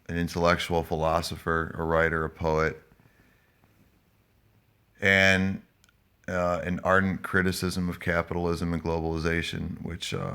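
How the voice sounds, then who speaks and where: A man chatting casually to live viewers in a stoned, hazy, halting, rambling manner. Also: low-pitched, pushed and bright, clear, resonant tone. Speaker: live-streaming vlogger.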